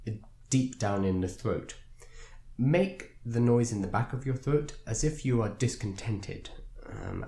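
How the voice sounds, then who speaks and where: A man talks through a language lesson in a patient, explanatory way, pausing now and then on a filler. His voice sits fairly low and sounds warm and mellow. The recording carries a noticeable room echo. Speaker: language teacher. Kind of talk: instructional video narration. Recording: roomy echo.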